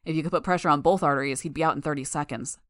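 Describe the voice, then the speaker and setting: A woman voicing a big male mentor figure who calmly explains fighting technique. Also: sits low, racing, no echo, clean studio sound. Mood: instructive. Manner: calm, instructive. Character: gruff large male mentor with an echoing voice.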